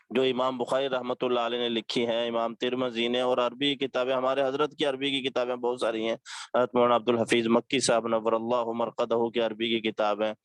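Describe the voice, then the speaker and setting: A man's voice: medium pitch, clean tone, no echo. A man, a religious teacher giving earnest advice to his students and repeating each point. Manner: repetitive, earnest, exhorting.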